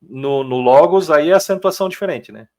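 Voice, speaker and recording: A man's voice: a little high, brisk, a little mellow. A man with a Brazilian Portuguese accent acting as a student in a one-on-one lesson. He mostly gives short answers and back-channel sounds.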